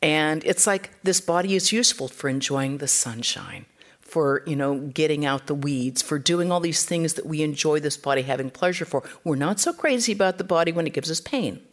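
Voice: mid-range voice, animated, normal speed. A spiritual teacher giving an informal talk, speaking conversationally and acting out the quotes in the stories.

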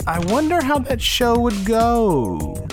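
Hombre comentarista de voz aguda, con música. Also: male voice, very high-pitched, wildly swooping pitch, slow pace, music in the background. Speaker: comedy news show host. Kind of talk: conversational comic news commentary.

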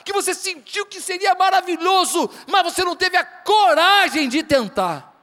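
A man preaching as pastor, acting out dialogues with churchgoers and building to loud exhortations. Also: very high voice, expressive, normal speed. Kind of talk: sermon. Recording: long church reverb.

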